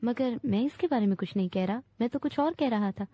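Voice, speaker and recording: A woman's voice: a little high, animated, warm tone, no room sound. A woman voicing a grown male soldier who speaks with passion and dignity. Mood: earnest. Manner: passionate, proud. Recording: dull dry recording.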